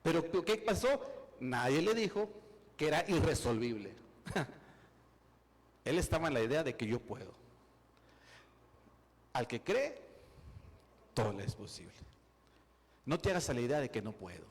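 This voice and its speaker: A man preaching a sermon, acting out people's excuses and building to loud, emphatic preaching. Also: on the high side, sing-song, moderate pace, pauses often, long reverb tail. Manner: acts out excuses in quoted voices, rises to loud emphatic preaching. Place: church hall.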